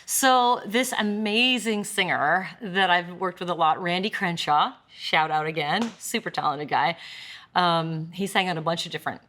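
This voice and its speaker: A singer-songwriter woman chatting casually at a roundtable, telling animated stories and breaking into sung snippets and laughter. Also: on the low side, moderate pace. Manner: animated storyteller, sings snippets and laughs often.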